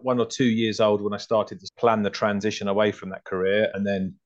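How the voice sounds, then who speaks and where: A man's voice: fairly low pitch, flat delivery, fairly quick, dull audio. A man in his forties with an English home counties accent, answering interview questions conversationally and often rephrasing as he goes. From southern England (north London and Hertfordshire). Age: 40s. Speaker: podcast guest, butcher and farm shop founder.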